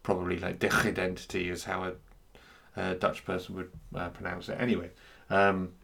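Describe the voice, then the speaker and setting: Gravelly low-voiced man, hesitant talk. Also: completely flat delivery, moderate pace, a bit bright. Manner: hesitant, many fillers and restarts. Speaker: speaker on free software. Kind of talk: unscripted talk.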